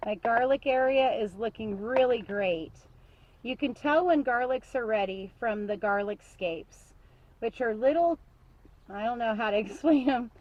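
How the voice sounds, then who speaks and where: A woman's voice: a little high, a little slow, muffled recording. Upbeat woman on a garden tour. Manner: chatty, enthusiastic, laughs often. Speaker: small farmer giving a garden tour. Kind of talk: casual show-and-tell narration. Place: outdoors in a vegetable garden.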